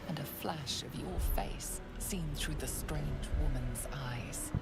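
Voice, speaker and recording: A low, gravelly game narrator. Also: female voice, animated, exaggerated voice. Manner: measured, descriptive narration. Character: calm omniscient female game narrator. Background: loud game music.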